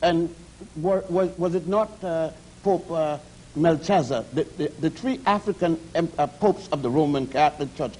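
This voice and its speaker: Man from Puerto Rico, TV guest historian, mellow, husky, emphatic lecture delivery. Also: a little high, normal speed, rough recording. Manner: emphatic lecturing, spells out words. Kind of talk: TV studio discussion. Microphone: studio mic.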